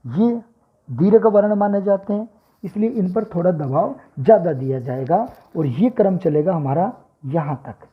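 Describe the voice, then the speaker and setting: A man's voice: sits high, lively intonation, normal speed. Patient male Hindi teacher, tinny audio. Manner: patient, explanatory, demonstrates letter sounds aloud. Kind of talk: handwriting and pronunciation lesson.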